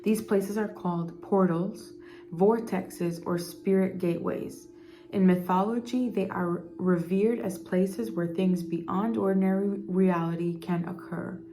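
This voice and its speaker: A woman's voice: medium pitch, steady tone, unhurried, mellow, soft background music. A woman giving a casual spiritual card reading, meandering and repeating words as she goes. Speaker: intuitive card reader.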